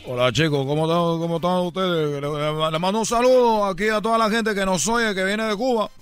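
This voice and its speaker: A man voicing a boastful Cuban baseball player with a Cuban accent in a comedic radio bit, loud and rambling, repeating himself. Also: high-pitched, fairly even intonation, brisk, clear, resonant tone, soft background music, natural voice. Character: boastful Cuban ballplayer, adult man, brash joker.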